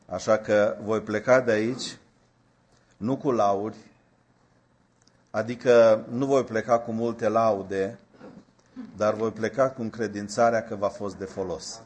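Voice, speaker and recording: A man's voice: fairly low pitch, steady tone, long pauses, darkish tone, breathy edge. A male preacher giving a sermon, earnest and conversational, acting out the dialogue of a story he tells.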